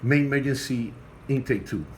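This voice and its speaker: Medium-pitched and somewhat dark-toned, the hobbyist's voice carries a slight hiss or hum as he records his home aquarium on the phone in his hand. Speaking non-native English, he is halting and repetitive, restarting phrases with an earnest, pleading quality.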